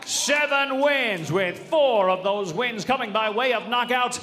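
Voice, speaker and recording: A man working as a boxing ring announcer, with a showy, drawn-out delivery in the manner of a lucha libre announcer, heard over an arena PA. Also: extremely high pitch, pushed and bright. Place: indoor boxing event center. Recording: echoing arena hall over PA.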